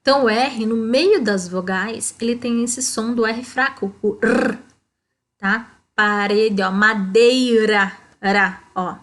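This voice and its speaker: A Brazilian woman teaching a primary school lesson, explaining step by step and checking in with "tá?". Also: a little high. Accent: Brazilian Portuguese. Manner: slow, explaining, frequent "ó" and "tá?".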